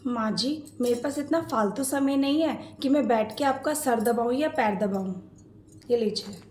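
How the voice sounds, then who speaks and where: High pitched woman doing both sides of a saas bahu skit, roomy echo. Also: moderate pace, darkish tone, slight background noise. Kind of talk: scripted family skit acting.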